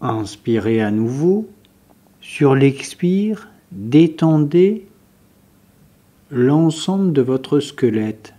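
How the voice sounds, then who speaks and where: A male yoga nidra teacher with a mid-range voice guides a relaxation session, giving calm, measured instructions with pauses between them.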